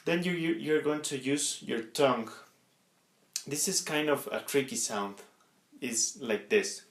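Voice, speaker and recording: A man giving an instructional demonstration, explaining step by step in a halting way with repeated words. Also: on the high side. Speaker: instructor demonstrating body percussion sounds. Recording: echoey room.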